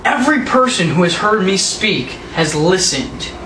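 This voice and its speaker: A man's voice: high voice, very animated, unhurried, sharp tone. An eighteen-year-old man, a backyard wrestler, cutting a sarcastic, taunting wrestling promo. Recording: roomy, distant, noisy home recording.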